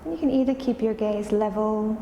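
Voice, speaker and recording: A woman leads a yoga class with a soft-edged, mellow tone. She is calm and soothing, taking her time between instructions. The recording is echoey, with long reverb and faint noise behind her. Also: medium pitch, a little fast.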